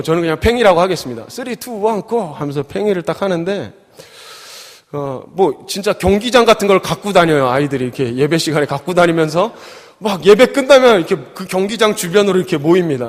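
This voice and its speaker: Man preaching to youth in a reverberant church. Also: on the high side. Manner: chatty, with many fillers and acted-out quotes. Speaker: youth pastor. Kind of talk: sermon with storytelling. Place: church sanctuary. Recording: long hall reverb.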